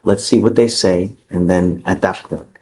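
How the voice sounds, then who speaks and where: A man's voice: deep voice, steady tone, normal speed, a little mellow, a little hiss or hum, poor audio. A man presiding as judge in a courtroom, lecturing a defendant in a stern, exasperated way. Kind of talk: courtroom ruling.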